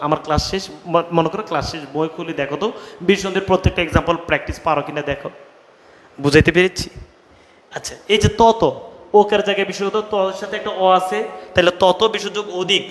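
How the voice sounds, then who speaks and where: A man's voice: high voice, fairly bright tone. Brotherly male tutor in an echoey room. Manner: brotherly, coaxing students with quick questions. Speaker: online admission-test tutor. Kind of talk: live online Bengali grammar class. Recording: echoey room with long reverb.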